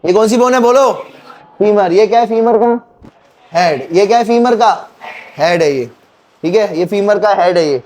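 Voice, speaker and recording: A male teacher with a high-pitched, darkish voice gives a classroom anatomy lecture at normal speed, leaving long pauses. He quizzes the students in call-and-response fashion and counts bones aloud.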